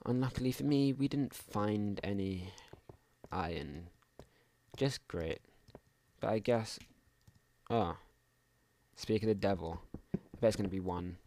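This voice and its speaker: A man's voice: lowish voice, measured pace, pauses often, dark tone, a little hiss or hum. A young man casually commenting while playing a game at home, rambling through mumbled asides into a desktop microphone. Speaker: gaming channel host. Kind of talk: casual let's play commentary.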